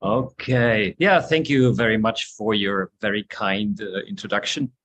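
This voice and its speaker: A man with a German accent giving a guest lecture over a video call, relaxed and hesitant, with many fillers and restarts. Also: on the low side, measured pace, rough recording. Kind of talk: online seminar lecture.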